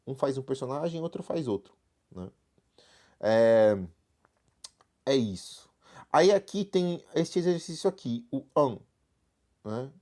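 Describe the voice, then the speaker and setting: A man's voice: medium pitch, lively intonation, slow pace, pauses often, dark tone. A man with a Brazilian accent teaching a beginner French class, walking students through a textbook and checking in with frequent "right?" tags. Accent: Brazilian Portuguese. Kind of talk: online class walkthrough.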